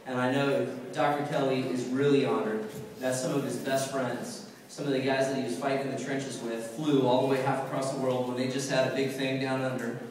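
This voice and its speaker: A man's voice: mid-range voice, level tone, fairly quick, darkish tone. A man introducing the next speaker on stage at a conference, teasing and loose, laughing at his own jokes. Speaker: event emcee. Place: large conference hall with audience. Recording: echoey hall, voice from far off.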